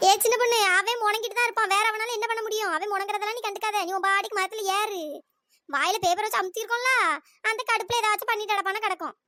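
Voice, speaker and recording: Brief: a performer doing squeaky, fast-talking greedy village women, dry close mic. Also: female voice, bright, forceful tone, no room sound. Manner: nagging, teasing, shrill calls. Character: bickering, greedy village women after palm fruit. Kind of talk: cartoon voice acting.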